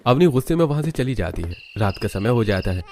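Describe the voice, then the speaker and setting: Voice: mid-range voice, fast, a little hiss or hum. मध्यम सुर का कथावाचक, कार्टून कहानी को सहज, लिखे हुए अंदाज़ में पढ़ता हुआ।. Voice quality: even, storytelling. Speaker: narrator. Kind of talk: scripted story narration.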